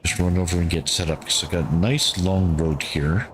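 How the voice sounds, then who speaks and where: A man giving calm gameplay commentary, thinking aloud and talking to his squad as he plays. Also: sits low, moderate pace, background noise. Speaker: gameplay streamer.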